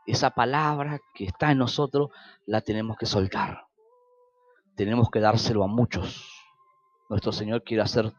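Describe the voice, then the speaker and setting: A pastor with an Argentine Spanish accent delivers a sermon in a mid-range voice, telling stories and acting out quoted dialogue with sudden rises and drops. The audio sounds dull.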